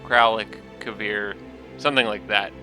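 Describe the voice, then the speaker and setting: Stuffed up from allergies and a bit nasal, a gaming channel host chats loosely through a strategy game, pondering aloud and saying um a lot. His voice is lowish, steady, pushed and bright at normal speed, with faint music behind.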